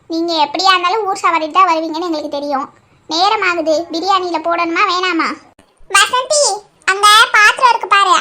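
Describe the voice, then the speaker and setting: A woman voicing chattering village women who squabble and scold while cooking in a cartoon comedy. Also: pushed and bright. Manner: squeaky, bossy, scolding chatter.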